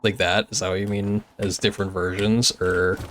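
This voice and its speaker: Young male game streamer, relaxed chat with viewers, slightly low voice, faint hiss behind. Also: moderate pace. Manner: chatty and easygoing, many filler "like"s. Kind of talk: casual gameplay commentary, reading chat.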